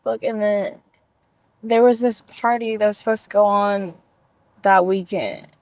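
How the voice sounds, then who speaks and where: A woman's voice: medium pitch, fairly even intonation, a little slow, a little mellow, dry recording. A woman as a guest on a talk show, telling a personal story in casual, blunt language and acting out what people said. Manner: blunt and profane, acts out quoted lines.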